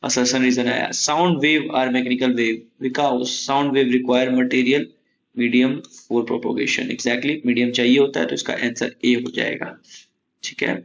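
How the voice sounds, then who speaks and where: An exam coaching teacher gives a casual Hindi-English lecture over slides from a room at home with the AC running. His mid voice is slow, creaky and fairly flat in pitch, and the audio is somewhat muffled with a little hiss or hum. Chatty throughout, he keeps checking in with "ठीक है?"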